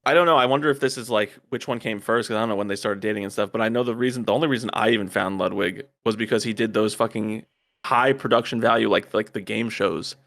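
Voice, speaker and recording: A man's voice: on the low side, fast, a bit bright, no room sound, clean studio sound. A man co-hosting a podcast, joking bluntly and swearing in casual chat. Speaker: podcast co-host.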